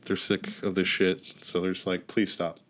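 A man's voice: sits low, completely flat delivery, normal speed, fairly bright tone. A man hosting a podcast, casually retelling a story in a wry, laid-back way with casual swearing. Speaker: podcast host. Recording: outdoor neighborhood ambience behind.

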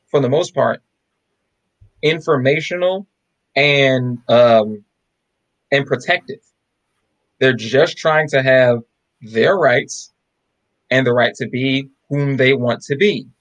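A man's voice: mid-range voice, no echo, low-quality recording. A man co-hosting a podcast, arguing emphatically with rhetorical questions in a casual discussion. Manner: emphatic, rhetorical, repeats "bro" and "right?". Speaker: podcast co-host.

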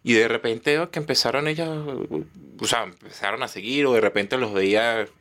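A man's voice: mid-range voice, normal speed, vocal fry, fairly bright tone. Chatty Venezuelan man, casual. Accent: Venezuelan, Táchira. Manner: chatty, rambling, gossip-loving. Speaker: guest comedian. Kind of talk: casual chat between friends.

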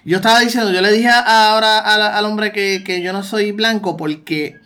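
A man's voice: sits high, steady tone, pushed and bright. Brief: Puerto Rican male co-host, casual talk, stumbles and restarts as he thinks aloud. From Puerto Rico. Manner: halting, many restarts and repeated words. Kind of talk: casual discussion.

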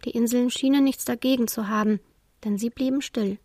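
Female storybook narrator, higher pitch, dry close sound, calm and expressive. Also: a little fast, dry recording. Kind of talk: storybook reading for children.

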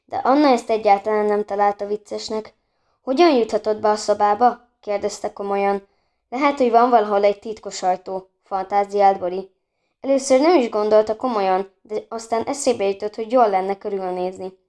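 A woman reading a children's book aloud, voicing the children a little higher and brighter, with occasional slips and restarts. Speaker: storybook reader.

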